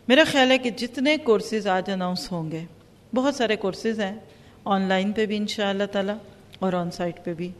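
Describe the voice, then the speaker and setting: A woman teaching a religious lesson, explaining with lively acted-out quotes. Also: mid-range voice, in a large hall. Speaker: Quran teacher.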